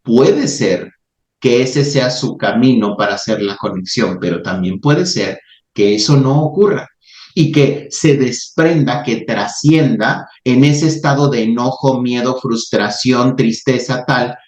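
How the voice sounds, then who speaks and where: A podcast host with a mid-range voice shares reflective spiritual thoughts and stories, speaking calmly but haltingly and often restarting his sentences. The recording sounds roomy and slightly muffled.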